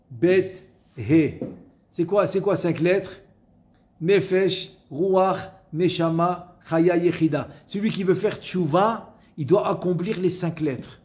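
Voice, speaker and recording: A man giving a Torah class, lively and questioning, repeating key phrases and chanting verses slowly. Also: fairly high pitch. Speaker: rabbi teaching a Torah class. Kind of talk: Torah lesson with storytelling.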